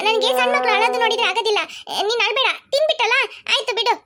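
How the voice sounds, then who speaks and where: A woman voicing a gentle, coaxing male kidnapper in a cartoon. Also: extremely high pitch, very fast, very noisy. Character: male forest kidnapper, soft-hearted uncle. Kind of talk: cartoon dubbing.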